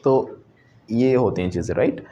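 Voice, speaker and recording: A male teacher with an Indian accent giving a classroom lesson, mixing Hindi and English and repeating words slowly for students to copy. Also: mid-range voice, warm tone, lo-fi sound.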